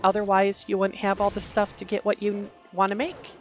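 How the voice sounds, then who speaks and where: A woman's voice: mid-range voice, completely flat delivery, brisk, faint music behind. A woman giving casual, rambling commentary while playing a video game, musing aloud and correcting herself. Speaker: gaming youtuber.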